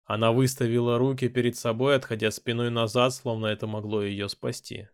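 A man reading a first-person audiobook and voicing its dialogue with expressive, playful delivery. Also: mid-range voice, a little fast, smooth. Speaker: audiobook narrator.

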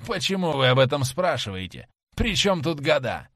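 Male reader doing a vengeful rough sailor, slow and menacing, heavy delivery, dry sound. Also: fairly high pitch, very animated, a bit bright, no room sound, pitched above the performer's own voice, exaggerated voice. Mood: shouting. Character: vengeful rough young sailor, grim and threatening.

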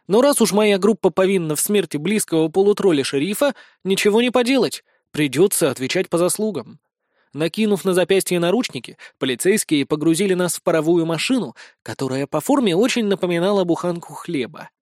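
Man with a high, expressive reading voice. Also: fairly quick, no echo, studio quality. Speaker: audiobook narrator. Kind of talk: narration of a humorous fantasy novel.

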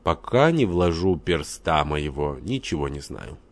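A man's voice: a bass voice, big pitch swings, unhurried, exaggerated voice. A man reading a blunt old major who mocks with folksy sayings. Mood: mocking. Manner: curt, mocking. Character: blunt sardonic old major, gruff skeptic.

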